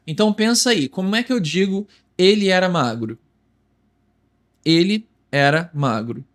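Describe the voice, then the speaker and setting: A young man with a Brazilian Portuguese accent teaching an English lesson, slowly repeating words for the viewer. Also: sits high, lively intonation.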